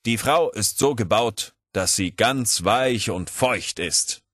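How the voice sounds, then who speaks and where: A man's voice: fairly low pitch, slow pace, fairly bright tone, breathy edge, dry recording, studio quality, exaggerated voice. A man doing a pompous, stubborn lecturer. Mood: lecturing. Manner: raised, insistent, declaiming.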